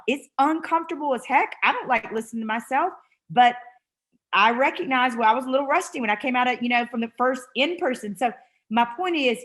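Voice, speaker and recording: A woman's voice: sits high, a bit bright. A woman hosting a mentoring video call, talking in long, heartfelt, encouraging run-on thoughts.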